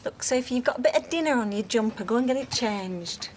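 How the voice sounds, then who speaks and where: A woman's voice: on the high side, expressive, quick pace, a little hiss or hum, lightly acted. An actress playing a defensive mother, lecturing her daughter in a stern, insistent way. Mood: conciliatory.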